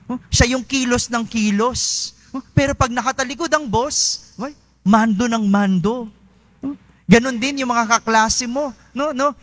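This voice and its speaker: A Filipino priest delivering a homily with a relaxed, conversational touch, often tossing in little questions to his congregation. His voice sits notably high for a man, and he takes his time, letting each phrase land slowly. The sound is close and dry, with little room echo. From Philippines. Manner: conversational preaching with frequent tag questions. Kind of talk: sermon. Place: church.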